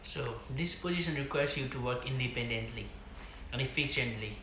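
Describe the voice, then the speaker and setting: A man's voice: medium pitch, a little fast, background noise. Man asking questions in an echoey room. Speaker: interviewer.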